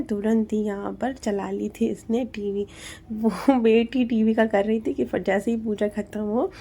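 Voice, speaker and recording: A woman's voice: mid-range voice, mellow. A woman in her thirties with a Hindi accent, narrating her daily home routine in a chatty voice-over, explaining each step with lots of fillers. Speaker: homemaker vlogger.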